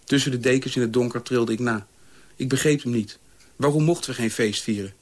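A man reading a personal memoir aloud in a calm, measured way. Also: mid-range voice. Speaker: reader.

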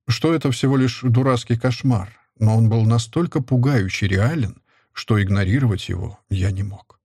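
Male audiobook reader, husky and measured, close dry mic. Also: mid-range voice, a little mellow, no echo. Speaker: audiobook narrator. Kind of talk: first-person audiobook narration.

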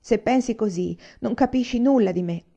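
A woman's voice: on the high side, normal speed, creaky, dark tone. A woman reading a novel aloud and voicing an angry, accusing husband who argues in raised, insistent outbursts. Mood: heated. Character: angry, accusing Chinese husband, adult man. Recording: slightly dull lo-fi recording.

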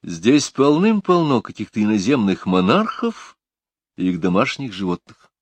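A man voicing a sardonic older boss, ironic, animated pitch, audiobook, dry close sound. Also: moderate pace, dry recording. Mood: mock-stern.

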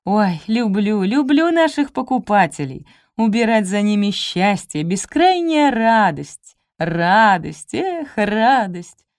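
A woman's voice: medium pitch, very animated, takes it slowly, no room sound, studio quality. A woman voicing a cleaning lady who drags out her words in a merry sing-song, in an audiobook. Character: cleaning lady with a mop, singing merrily.

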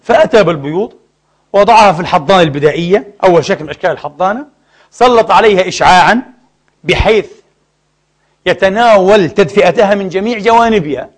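Male preacher, high and brisk, emphatic sermon with rhetorical questions. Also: animated. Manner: storytelling with asides and jokes.

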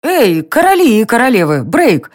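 A woman's voice: fairly high pitch, big pitch swings, normal speed, voice pushed up. A woman voicing a blunt, cheeky young woman who speaks brusquely in a storybook reading. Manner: brusque, snappy.

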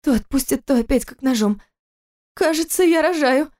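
A frightened young pregnant wife, pained and urgent, put on by a woman reading the story. The voice sits high above the reader's own and pleads through each line. The tone stays soft and warm. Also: quick pace, close to an everyday voice.

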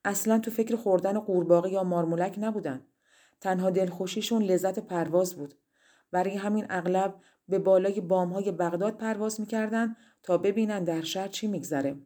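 A woman's voice: mid-range voice, warm tone. A woman narrating a fairy-tale audiobook in a colloquial, spoken style. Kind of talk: storybook narration.

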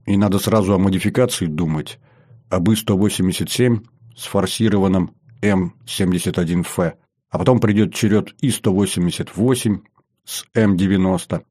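An anxious aging aircraft designer from a spoken audiobook, murmuring his hopes in a low, subdued voice, as a male narrator puts him on. He sounds quiet and pleading, and the close recording is dry with no room around it. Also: normal speed, husky, no room sound. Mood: musing. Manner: quiet inner musing, pleading.

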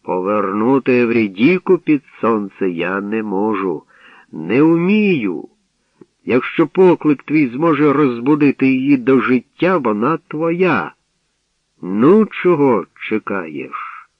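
A man voicing Hades, the stern all-powerful lord of the dead, in a slow, booming, imperious way, read from a storybook. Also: very animated, no room sound, highs cut off.

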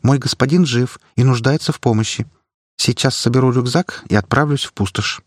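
A man voicing Min, a grim, loyal young woman bodyguard who speaks flatly and categorically. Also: medium pitch, a little fast, no echo, clean studio sound, pitched above the performer's own voice, natural voice. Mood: resolute. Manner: flat, categorical.

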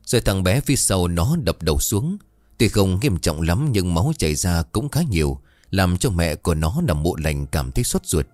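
Man, ghost story narration, low voice, expressive, dry close sound, faint music. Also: normal speed, no echo. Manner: expressive, dramatic reading.

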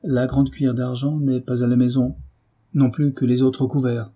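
A man's voice: mid-range voice, little pitch movement, moderate pace, warm tone, breathy edge, pitched above the performer's own voice, close to an everyday voice. A man reading aloud, voicing a resolute, indignant young son who speaks firmly. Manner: firm, resolute.

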